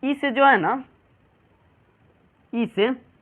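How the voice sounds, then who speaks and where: A man's voice: very high voice, drawn-out words. Male teacher with a tinny phone-like sound. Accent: Bihari Hindi. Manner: repeats questions to students and answers them himself. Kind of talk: classroom English pronunciation lesson.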